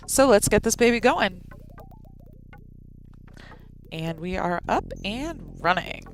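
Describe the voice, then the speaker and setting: Sleep-deprived young woman, animated game commentary. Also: mid-range voice, slow. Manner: wry, playful asides. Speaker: game streamer. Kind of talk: casual game commentary with reading aloud. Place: indoor room. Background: game music.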